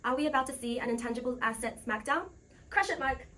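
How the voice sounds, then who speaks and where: A woman with a high, fast, pushed and bright voice runs a scripted game show as part of a student role play, full of playful ribbing. The sound is echoey from a distant microphone, and music plays behind.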